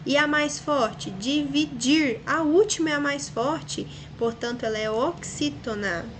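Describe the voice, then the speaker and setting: A Brazilian woman teacher explains a lesson patiently, one step at a time. She often checks in with short tag questions, and her voice sits a little high. Faint ambient noise sits behind her. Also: unhurried, fairly bright tone. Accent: Brazilian Portuguese. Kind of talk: recorded online school lesson.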